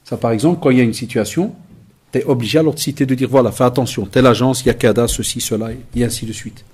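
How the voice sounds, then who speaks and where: A man giving a lecture to young people, telling lively stories with acted-out dialogue and Arabic phrases mixed in. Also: mid-range voice, fast, husky. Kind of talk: conference talk to young people.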